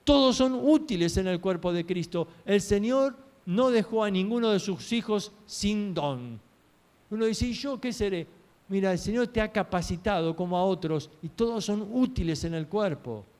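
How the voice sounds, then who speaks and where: A man's voice: high voice, animated, moderate pace, darkish tone. A man preaching a sermon, telling stories earnestly and asking rhetorical questions.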